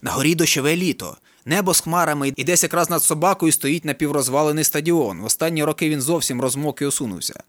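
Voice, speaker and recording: A man reading a novel aloud in a wry, deadpan manner, with casual swearing. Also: on the high side, quick pace, hardly any pauses, no room sound, clean studio sound. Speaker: reader. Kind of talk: audiobook narration of a novel.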